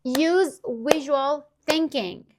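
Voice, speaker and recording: Speaking to camera in a tutorial vlog, an Iranian woman in her twenties whose first language is Persian shares upbeat, earnest tips on learning languages, punctuated by frequent small laughs. She draws out her words in a high-pitched voice, against a noisy background.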